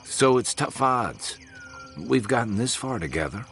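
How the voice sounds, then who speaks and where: An actor playing a calm, reassuring adventurer companion in a fantasy video game. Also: male voice, medium pitch, a little slow, faint music behind.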